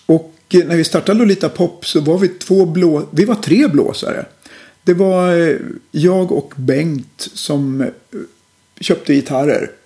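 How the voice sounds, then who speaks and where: Gravelly, mellow middle-aged man recalling. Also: a little high. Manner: relaxed, reflective storytelling with many fillers. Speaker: musician guest. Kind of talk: casual interview talk.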